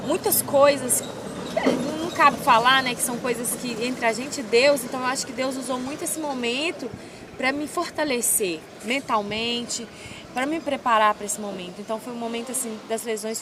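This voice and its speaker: A woman's voice: on the high side, background noise. A woman in her twenties from Brazil, an MMA fighter telling her story in an interview with devout, emotional feeling. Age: 20s. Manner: emotional, devout, animated retelling. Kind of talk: casual interview.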